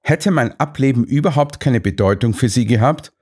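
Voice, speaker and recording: A man's voice: mid-range voice, moderate pace, a little mellow, husky, lightly acted. A man voicing an earnest, indignant doctor companion in an audiobook. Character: earnest, put-upon male doctor companion.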